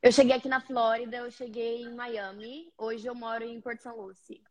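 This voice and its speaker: Speaking a little fast with a flat delivery, this slightly high, darkish-toned woman is a house cleaner from Paraná, Brazil. As a guest in a casual video-call interview, she comes across friendly, a bit nervous, and full of fillers.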